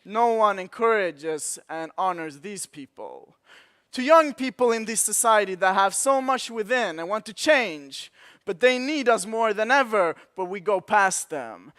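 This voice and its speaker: A Swedish man in his twenties delivers an impassioned motivational keynote in a conference hall, using rhetorical repetition. His voice is high-pitched, animated and fairly bright, and he speaks without hurrying.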